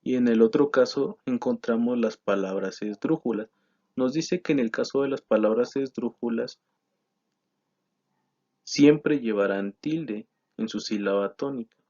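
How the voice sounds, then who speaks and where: A man's voice: medium pitch, a little mellow. A man teaching a grammar lesson, explaining from slides with frequent "eh" and self-corrections. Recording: slightly dull lo-fi sound.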